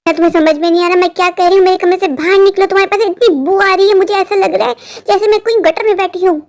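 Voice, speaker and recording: A woman voicing an irritable elder sister who scolds impatiently in an animated horror story. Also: extremely high pitch, quick pace. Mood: irritated.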